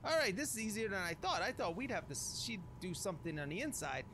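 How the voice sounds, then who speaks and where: Over a noisy background, a man with a high voice talks fast and swings widely in pitch as he narrates his playthrough. His commentary is loose and off-the-cuff, full of slang, grumbling, and mild minced oaths.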